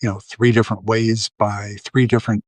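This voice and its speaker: A livestream host with a fairly low-pitched voice talks briskly and flatly through casual commentary on a live video. He rambles, with lots of fillers and restarts, and the recording has no echo.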